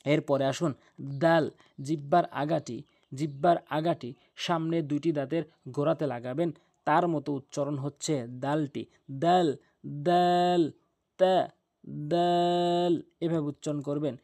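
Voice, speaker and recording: A man teaching Arabic letter pronunciation for Quran recitation, earnest and emphatic, repeating each sound slowly. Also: a little high, fairly even intonation, darkish tone. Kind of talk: pronunciation lesson.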